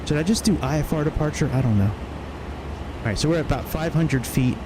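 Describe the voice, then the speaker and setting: A man with a slightly high voice talks a little fast while flying a simulator on a livestream. He mutters casually and profanely to himself, over a clearly audible vehicle-like hum in the background.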